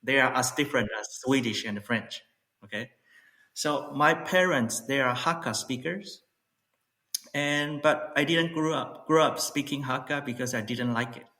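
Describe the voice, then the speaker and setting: A man in his forties from Taiwan, a native Mandarin speaker, chatting as a podcast guest in a relaxed way with many fillers. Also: medium pitch, moderate pace. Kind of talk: casual interview chat. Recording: echoey room.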